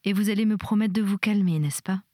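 A woman reading a storybook voices a calm, motherly nursing sister who speaks gently and soothingly. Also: mid-range voice, a little fast, no echo, clean studio sound, lightly acted. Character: calm motherly nurse nun, gentle and patient.

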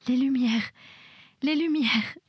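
A woman's voice: mid-range voice, moderate pace, a little mellow, breathy edge, no echo, clean studio sound, voice pushed up. A woman reading a storybook voices a frightened, fragile young woman who cries out in terror and pleads desperately. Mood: terrified.

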